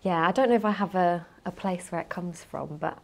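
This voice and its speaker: In a fairly low, gravelly voice and at a fairly quick pace, a British-accented woman in her twenties shares anecdotes as a casual interview guest. She works as a marketing manager, lives in the UK, and partly grew up in Spain, and her manner is informal.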